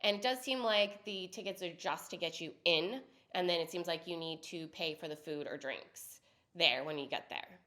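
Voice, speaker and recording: Despite a head cold, this podcast co-host runs through local events in a friendly, chatty way, sharing details as if in conversation. Her voice is fairly low in pitch, pushed and bright, and she speaks at an ordinary speed.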